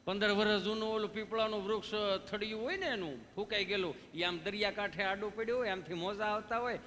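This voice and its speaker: A man's voice: sits high, fast talker, bright, forceful tone, big-room sound, a little hiss or hum. A man with a Kathiawadi Gujarati accent performing a live stage comedy monologue, telling folksy stories with preachy asides. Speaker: stand-up comedian.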